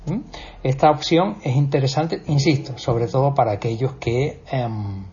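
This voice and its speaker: Tutorial host: a chatty man with a warm, relaxed tone, recorded lo-fi. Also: medium pitch, unhurried. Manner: chatty, explanatory, with fillers and restarts. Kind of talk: casual spoken tutorial. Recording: dull lo-fi sound with faint music.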